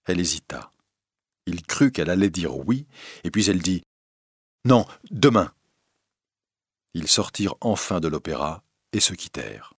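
A man narrating a story aloud in a measured, dramatic storytelling manner. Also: low voice, big pitch swings, breathy edge, no room sound, clean studio sound. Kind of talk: audiobook reading.

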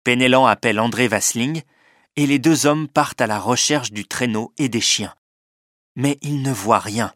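A man's voice: medium pitch, normal speed, fairly bright tone, dry recording. Man narrating a story, dry close sound. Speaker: audiobook narrator.

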